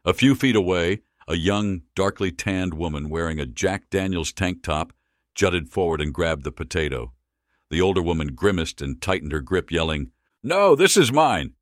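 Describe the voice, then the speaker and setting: Very deep-voiced male audiobook narrator. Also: moderate pace, no echo, clean studio sound. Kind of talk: scripted narration.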